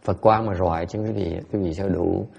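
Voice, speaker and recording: A middle-aged man giving a relaxed bilingual Buddhist dharma talk to his students, often repeating words and laughing. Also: sits low, moderate pace, vocal fry, slightly rough, highs cut off. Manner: repeats his words, laughs, switches between two languages. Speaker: Buddhist teacher.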